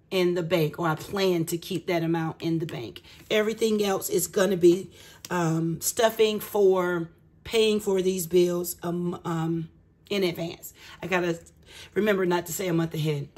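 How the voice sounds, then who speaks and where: A woman budgeting vlogger speaks at a medium pitch, her voice a little cracked and raspy. She chats informally and explains things in a folksy way, joking at her own expense.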